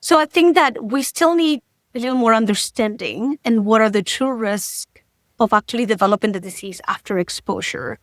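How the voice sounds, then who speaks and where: A woman physician from Argentina, explaining carefully in an interview, in a measured way with many "like" and "right?" tags. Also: fairly high pitch, dry recording. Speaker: infectious disease physician guest. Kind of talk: expert interview answer.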